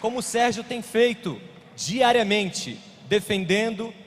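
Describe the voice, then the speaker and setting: A man's voice: high voice, a little slow, a little hiss or hum. A man with a Brazilian accent speaking earnestly on a conference panel, insistent and repeating his phrases. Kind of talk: panel talk. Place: conference hall. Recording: reverberant conference hall.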